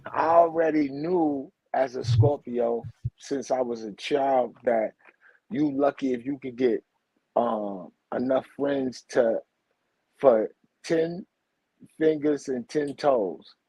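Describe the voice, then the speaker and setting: Gravelly, warm and a bit breathy, his mid-range voice moves in lively intonation at a slow pace, recorded dry and at low quality. He's a forties-aged teacher and author from Brooklyn, guesting in a rambling, slangy spiritual chat peppered with "you heard?" and "for real."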